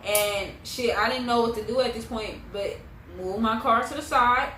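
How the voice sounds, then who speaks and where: A young woman with a slightly high voice chats through a story in a blunt, slangy way, cursing freely. She sounds roomy and set back from the microphone. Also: normal speed, sharp tone. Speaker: vlogger telling a story. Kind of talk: casual animated storytime chat. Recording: roomy echo, distant mic, faint noise.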